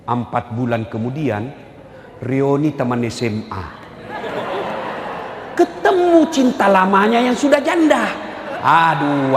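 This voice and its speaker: Lively preacher in a hall. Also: male voice, mid-range voice, a little hiss or hum. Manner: animated storytelling, acting out quotes. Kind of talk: humorous religious lecture. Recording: hall reverb, faint ambience.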